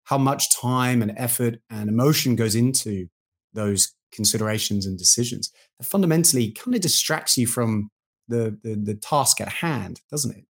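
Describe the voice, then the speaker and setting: A man's voice: medium pitch, expressive, moderate pace, husky. A man co-hosting a podcast, talking conversationally in long, discursive sentences. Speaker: podcast co-host.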